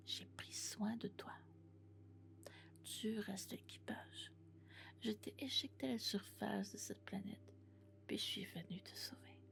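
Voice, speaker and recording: In an ASMR roleplay, a woman voices a lovesick, possessive female robot, speaking in a hushed, breathy, intimate whisper. Her natural voice sits at medium pitch, and she sounds devoted, as if confessing.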